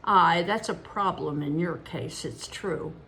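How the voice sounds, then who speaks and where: A woman in her older years reading aloud as a good-natured one-eyed old man with a high-pitched cackle, in an emphatic, amused manner. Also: takes it slowly, sharp tone, exaggerated voice.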